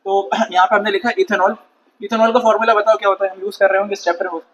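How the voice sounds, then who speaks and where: A man's voice: high-pitched, steady tone, racing, fairly bright tone. A man teaching a chemistry class in a chatty lecture style, questioning and scolding his students. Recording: dull lo-fi sound with faint noise.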